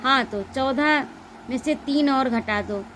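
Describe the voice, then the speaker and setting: A woman's voice: sits high, slow pace, slight background noise, low-quality recording. A woman reading aloud as a stingy, scolding male employer in a one-act play. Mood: stern. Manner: stern, accusing, shouting in anger.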